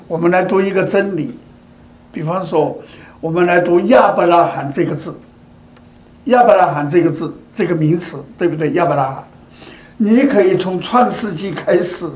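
A man's voice: fairly high pitch, a little mellow. An older man giving a sermon, speaking in repeated phrases and asking rhetorical questions such as whether the listeners agree. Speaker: preacher. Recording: echoey room.

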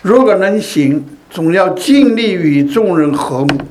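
A man's voice: high voice, expressive, unhurried, a little mellow, slight background noise. A man preaching a sermon, repeating phrases and asking rhetorical questions.

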